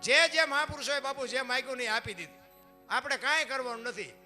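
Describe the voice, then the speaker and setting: A man with a Kathiawadi Gujarati accent gives a devotional sermon. He preaches emphatically, often calls his listeners "bapu", and lets his loudness rise and fall. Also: very high-pitched, fast, soft background music. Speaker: devotional folk artist. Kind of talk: devotional sermon on saints and scripture.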